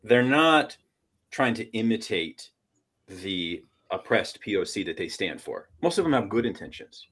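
A man with a somewhat low voice talks through political ideas in a halting, analytical manner. He is from Portland, Oregon and co-hosts a casual discussion. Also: big pitch swings, fairly bright tone, husky. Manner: hesitant, analytical, restarts a lot. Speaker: podcast co-host.

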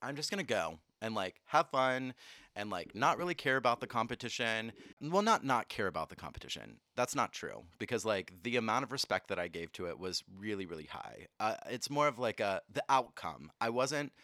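A man's voice: on the low side, brisk, no room sound, studio quality. A young American man, a leather titleholder, chatting frankly and jokingly in an interview. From United States. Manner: animated, laughing, frank and joking. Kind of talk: casual chat.

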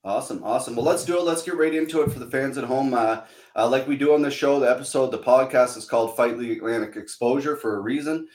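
A man's voice: mid-range voice, fast talker, darkish tone. A man hosts a casual podcast while hungover. His mid-range voice moves along informally with plenty of hesitant uhs. The sound is roomy and echoing. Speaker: podcast host.

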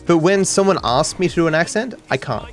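A man streaming, rambling quickly and casually with self-deprecating asides. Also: fairly high pitch, animated, faint music behind.

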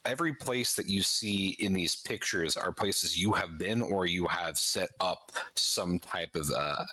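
Deep-voiced man running a game. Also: measured pace, pushed and bright, dry recording, low-quality recording. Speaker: game master. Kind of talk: running a tabletop horror game.

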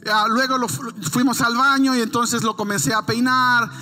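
A middle-aged male preacher with a high, ringing, bright voice. He builds his points with slow, stressed emphatic phrases, then slips into quick, casual storytelling. Faint music plays softly under his preaching in church. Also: steady tone. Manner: tells a family anecdote in quick, casual storytelling. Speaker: pastor. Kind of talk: sermon.

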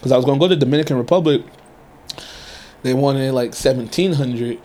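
A man's voice: mid-range voice, a little fast. A man with an American accent chatting casually, telling stories in profane slang and acting out reactions. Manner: slangy, profane, animated retelling with quoted reactions. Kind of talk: casual chat, storytelling.

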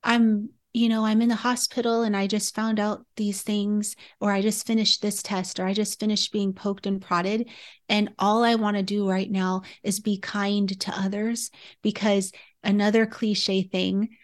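A woman's voice: medium pitch, flat delivery, a little slow. Earnest woman guest, reflective and candid. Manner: earnest, reflective, laughs often while telling stories. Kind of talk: candid interview conversation.

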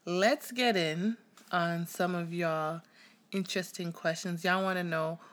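A woman's voice: fairly low pitch, steady tone, measured pace. A woman from Tanzania co-hosting a podcast with her husband, chatting playfully and echoing his words. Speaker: podcast co-host. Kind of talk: casual chat.

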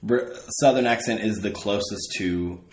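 A man with a low voice and a neutral accent hosts a relaxed conversation, curious and chatty, often joking. He grew up in Arkansas, and his voice echoes around the room. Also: a little slow, a little hiss or hum. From Southwest Arkansas, US. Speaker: podcast host. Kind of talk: casual interview conversation.

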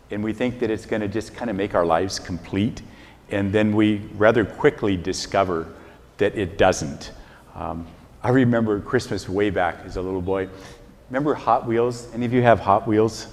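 An older man, a priest, giving a relaxed, conversational homily with chuckling, self-deprecating stories. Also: fairly low pitch. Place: large church. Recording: reverberant church hall.

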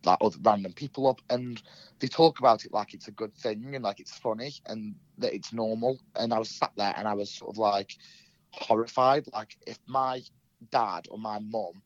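In a dull-sounding recording with no echo, a young Englishman speaks at normal speed in a steady, lowish voice. He has a cold that makes him nasal, and he recounts his story casually in an interview, with lots of ums and restarts.

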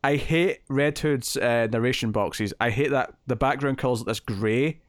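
A man's voice: medium pitch, measured pace, dry recording, studio quality. A man co-hosting a podcast in casual chat, joking and laughing often. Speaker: podcast co-host.

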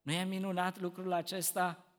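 Impassioned high-voiced preacher in echoing hall. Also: male voice, completely flat delivery. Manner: impassioned, swings from hushed to loud emphatic. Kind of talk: sermon.

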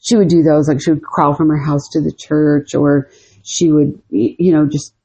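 A podcast co-host tells stories in a rambling, easygoing way, filling them with fillers. Her voice is low, level, and warm with a breathy edge, at a moderate pace.

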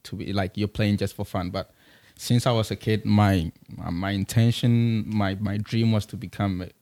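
A young man from Ghana in his twenties, with a fairly low voice, talks about his soccer career as a podcast guest. He speaks in an easygoing, relaxed way and is quick to joke. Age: 20s. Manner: easygoing, playful boasting. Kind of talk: casual interview chat.

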